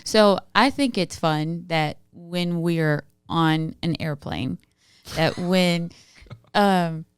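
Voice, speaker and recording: A woman's voice: lowish voice, slow, clean tone, dry recording, clean studio sound. A woman, co-hosting a casual podcast and telling stories playfully, laughing through her words. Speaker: podcast co-host. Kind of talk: casual chat.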